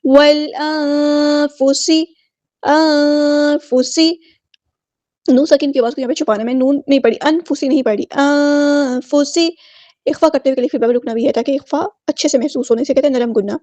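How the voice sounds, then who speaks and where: A woman teaching Quran recitation rules word by word, chanting each word slowly and then explaining it in quick, plain speech. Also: high voice, warm tone, no room sound. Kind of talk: tajweed lesson, word by word explanation.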